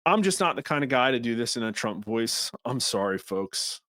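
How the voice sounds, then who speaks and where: A man's voice: medium pitch, big pitch swings, moderate pace, fairly bright tone, no room sound. Guy hosting a polling show, chatty political commentary, wry little asides, dead dry sound.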